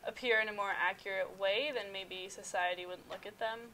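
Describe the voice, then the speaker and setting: A woman's voice: medium pitch, steady tone, brisk, sharp tone, a little hiss or hum, low-quality recording. A young woman of eighteen, a college freshman giving thoughtful interview answers with many "um"s.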